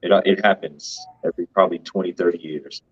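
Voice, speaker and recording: A man's voice: sits low, fairly even intonation, quick pace, slightly rough, muffled recording. A man co-hosting a finance show, giving casual, emphatic commentary and tagging his points with "right?".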